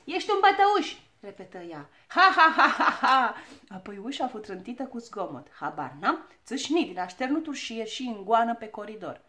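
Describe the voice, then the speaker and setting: A woman storyteller narrating a children's audiobook in an expressive, theatrical way. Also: mid-range voice.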